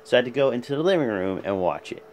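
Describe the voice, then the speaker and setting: A man's voice: mid-range voice, very animated, rapid-fire, darkish tone. A man in his thirties hosting a casual vlog, chatting to his phone at arm's length in a small room. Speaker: vlog host. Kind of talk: casual chat to camera. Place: small bedroom at home. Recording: noisy phone recording in a room.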